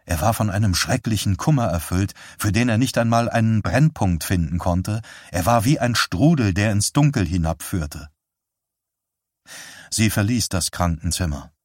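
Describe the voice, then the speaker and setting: A man reading an audiobook as narrator, in a measured, solemn way. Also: fairly low pitch, animated, dry recording, clean studio sound.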